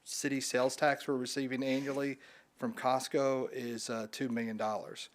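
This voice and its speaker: A man's voice: mid-range voice, little pitch movement, slight background noise. Man giving figures at a council meeting. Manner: measured, hesitant with fillers. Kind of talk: answering questions at a council meeting. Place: city council chamber.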